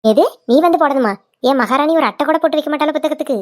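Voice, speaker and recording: A woman's voice: high voice, racing, no echo, natural voice. A woman playing a nagging old village mother-in-law. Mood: scolding. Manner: nagging, scolding. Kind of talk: cartoon voice acting.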